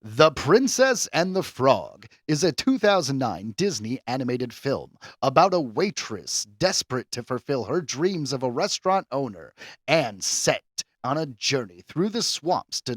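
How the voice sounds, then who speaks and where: A podcast host and quizmaster with a mid-range, sing-song voice runs a pop culture quiz, announcing questions and verdicts theatrically. He's unhurried, casual and chatty, and the recording has no echo.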